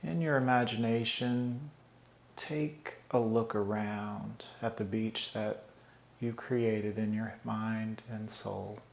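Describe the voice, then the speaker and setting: A man leading a guided meditation, giving calm, soothing breathing instructions with long pauses. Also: fairly low pitch, gravelly. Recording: roomy echo.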